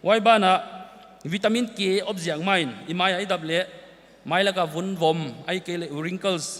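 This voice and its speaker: Man, high-pitched, explanatory festival talk in a big reverberant hall. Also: moderate pace, fairly bright tone. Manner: explanatory, lists nutrients and terms. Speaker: festival speaker. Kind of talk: informational talk. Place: large hall.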